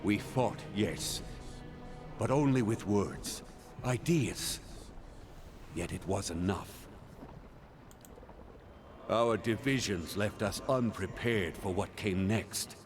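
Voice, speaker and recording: A man's voice: lowish voice, music in the background. A man voicing a tired old male spirit, grieving and solemn, in a dramatic video game style. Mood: sorrowful. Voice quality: tired, aged voice. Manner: slow, solemn, formal.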